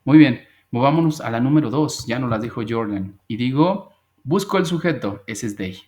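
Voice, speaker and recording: Guy teaching english on a video call, patient, repeats stuff slow, middle pitch. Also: lively intonation, darkish tone. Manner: patient, drills pronunciation slowly and repeats words. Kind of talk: online class lesson.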